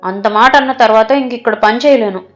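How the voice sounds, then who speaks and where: A tearful young male cleaner in a told story, put on by a woman narrator, weepy and hurt. The voice sits higher and pleads through the tears. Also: brisk, soft background music, natural voice.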